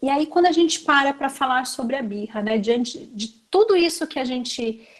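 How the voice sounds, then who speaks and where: A woman's voice: high voice, animated, moderate pace. A Brazilian woman with a Brazilian Portuguese accent, teaching a class to educators in a chatty, conversational way and often turning to her listeners. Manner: chatty, addresses the audience directly with frequent fillers. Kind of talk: conversational lecture.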